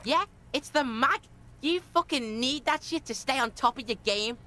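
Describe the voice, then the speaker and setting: Actress as a swaggering foul-mouthed game street kid, high-pitched and crude. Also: female voice, lively intonation, normal speed, pushed and bright. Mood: cocky. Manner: swaggering, crude, refers to himself by name. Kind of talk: video game voice acting.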